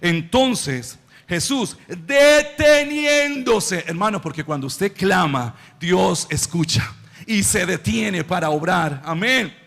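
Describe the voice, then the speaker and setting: High-voiced preacher in an echoing hall. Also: male voice, animated, gravelly. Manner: emphatic preaching with drawn-out words and rising shouts. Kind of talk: sermon. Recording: long hall reverb.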